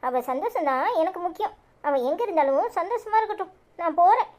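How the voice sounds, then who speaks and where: A woman's voice: extremely high pitch, animated, fairly quick. Tearful rejected mother in a cartoon. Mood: sorrowful. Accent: Tirunelveli Tamil. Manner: soft, sorrowful, near tears.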